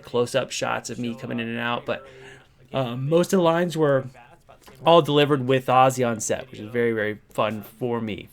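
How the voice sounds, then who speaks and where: A middle-aged man tells a casual story to camera at an ordinary mid pitch. He is enthusiastic and rambles from one recollection to the next. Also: fairly bright tone. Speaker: vlogger and creature actor telling behind-the-scenes story.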